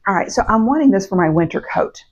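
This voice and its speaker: A woman chatting casually to her camera as a vlog host, her voice still a little rough in the morning, meandering with fillers and self-corrections. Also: mid-range voice, lively intonation, quick pace, background noise. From United States. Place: home, indoors. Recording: dull, muffled sound.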